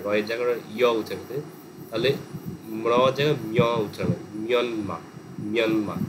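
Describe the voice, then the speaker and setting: Bengali teacher lecturing over AC hum. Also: male voice, medium pitch. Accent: West Bengal Bengali. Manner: explanatory, digressive, mixes in English terms. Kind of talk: online class lecture. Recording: air conditioner hum behind.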